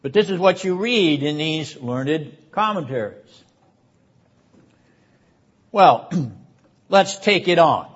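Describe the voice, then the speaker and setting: A man preaching a Bible lecture in an emphatic, deliberate way with sarcastic asides. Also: on the high side, expressive, slightly rough. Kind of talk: sermon-style Bible lecture. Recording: dull lo-fi recording.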